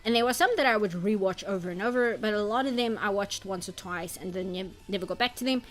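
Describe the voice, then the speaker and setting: A woman's voice: mid-range voice, fast. A woman streamer in casual chat who rambles and reads out chat comments. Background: faint background music.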